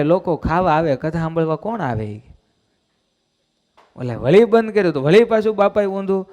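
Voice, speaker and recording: A man's voice: on the high side, a little mellow. Folksy man preaching a sermon. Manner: folksy, conversational storytelling, voices quoted characters. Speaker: preacher giving a religious discourse. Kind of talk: sermon storytelling. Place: temple hall.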